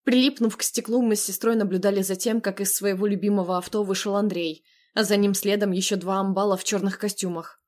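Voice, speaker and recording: A woman's voice: mid-range voice, fairly even intonation, fast, a little mellow. Woman narrating an audiobook. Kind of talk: first-person audiobook narration.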